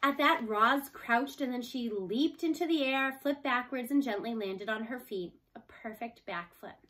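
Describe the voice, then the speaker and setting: A woman with a fairly high voice reads a scripted children's story aloud, narrating like a storybook reader for young listeners. Her delivery is unhurried, pushed, and bright.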